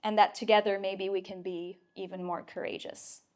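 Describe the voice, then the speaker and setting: A woman's voice: mid-range voice, flat delivery, normal speed. A woman speaks to a room at a mentoring event, giving an inspirational talk. Her voice sits in a middle register. She is playful and emphatic, with the odd casual swear word. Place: event room before a live audience.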